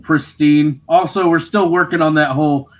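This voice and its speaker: A man's voice: fairly high pitch, fairly even intonation, normal speed. Man sounding like he's in a trash can. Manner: upbeat, laughs often. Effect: muffled, like talking into a trash can. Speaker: podcast co-host. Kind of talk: casual chat. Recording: dull, muffled lo-fi remote recording.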